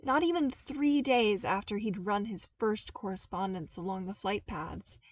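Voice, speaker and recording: A woman narrates a story as an audiobook reader, delivering the script expressively. Her voice is mid-range and her pace unhurried.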